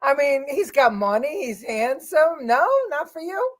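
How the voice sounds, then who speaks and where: A high-pitched woman co-hosts a casual talk show, and she talks at an unhurried pace. She laughs constantly and breaks into shrieking reactions. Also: lively intonation. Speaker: co-host, comedian.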